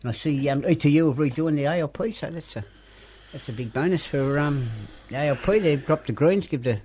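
A man's voice: a little high, brisk, darkish tone, slight background noise. A man with an Australian accent bantering on a radio panel in a matey, wisecracking way. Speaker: radio show regular.

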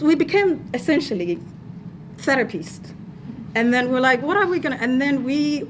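Woman from Somalia, conference panelist, hesitant delivery full of ums, noisy recording. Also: medium pitch. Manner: hesitant, with many fillers and restarts.

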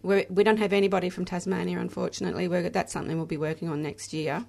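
Creaky, lowish-voiced woman on radio. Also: level tone, fast talker, a little mellow. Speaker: radio co-host and project coordinator. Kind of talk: casual radio chat. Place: crowded radio studio with shared microphones.

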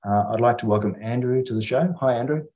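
A man's voice: medium pitch, quick pace, warm tone. An Australian man hosting a community radio interview in a plain, informal and slightly hesitant way. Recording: dull, lo-fi radio audio.

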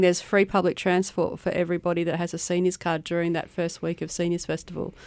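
Clear-voiced woman co-hosting radio. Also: on the low side, dry recording. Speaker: radio show co-host. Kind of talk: casual radio interviewing. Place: radio studio.

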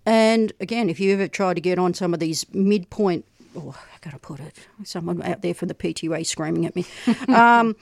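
Australian woman, radio host, casual chat, quick asides, dry studio sound. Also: lowish voice, gravelly, darkish tone, no echo. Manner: chatty, self-deprecating, quick asides.

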